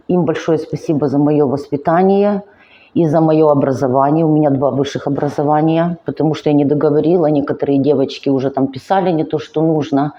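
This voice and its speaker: A Ukrainian woman in her forties, a vlogger, tells her life story in a personal confessional monologue. Her low voice is earnest and emotional, slow and halting, and she sounds weary, as if speaking is hard. The recording's highs are cut off.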